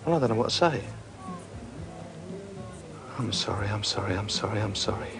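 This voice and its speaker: A man's voice: lowish voice, animated, moderate pace, vocal fry. An actor playing a flustered, apologetic man in a British TV soap. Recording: TV soundtrack with faint music.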